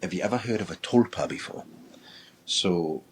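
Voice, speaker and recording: A man, a paranormal investigator, telling a ghost-hunting story in a lively way and acting out his own reactions. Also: low voice, normal speed, a little hiss or hum. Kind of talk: storytelling in casual chat.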